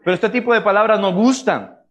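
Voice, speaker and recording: A man preaching a sermon as pastor, emphatic and lively, often mimicking people's excuses. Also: high voice, a little fast. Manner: emphatic, acts out congregants' excuses in funny voices. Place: church sanctuary.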